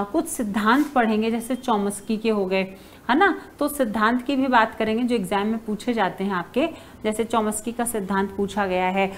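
A woman's voice: mid-range voice, a little hiss or hum. A woman teacher giving an exam-prep lesson, talking to her students fondly as she writes on a board. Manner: addresses students as "beta", writing on a board while talking. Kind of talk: online exam-prep lecture.

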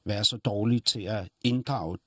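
Man, therapist-host, husky, dry close sound, persistent questioner. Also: fairly low pitch, a bit bright, dry recording. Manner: persistent, presses with follow-up questions. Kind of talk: probing conversational questioning.

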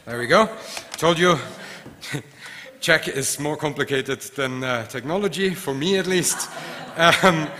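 A man in his thirties hosting an awards ceremony at a lectern, joking and relaxed, poking fun at himself. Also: a little high, slow, a little hiss or hum. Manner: joking, relaxed, self-deprecating. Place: large formal hall at a lectern. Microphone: lectern microphone. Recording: long hall reverb.

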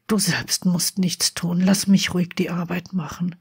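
A reader voicing a forty-something male wizard in whispered role-play, husky and breathy, soft and coaxing. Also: high voice, fairly even intonation, a little slow, full character voice. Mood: tender. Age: 40s.

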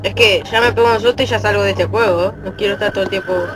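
A man's voice: high voice, steady tone, racing, noisy background. A man with an Argentine accent doing jittery horror game commentary, swearing a lot. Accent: Argentine Spanish. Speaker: gaming YouTuber.

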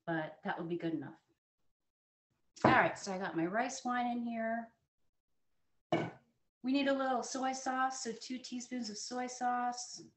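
A woman in her forties giving a live cooking demonstration from her home dining room, talking in a chatty, friendly way with many fillers, recorded on a camera a few steps away. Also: a little high. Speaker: cooking instructor. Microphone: fixed camera at a distance. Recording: echoey room.

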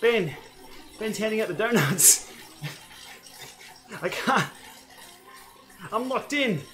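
A man's voice: high-pitched, slow pace. Breathless Australian man riding and chatting. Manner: breathless, excitable bursts and shouts of encouragement. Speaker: cycling channel host. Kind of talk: live-streamed indoor ride commentary.

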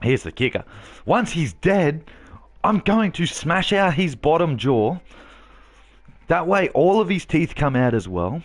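A man's voice: a little high, big pitch swings, unhurried. A man live-streaming a game, brash and trash-talking, swearing and mocking a heckler.

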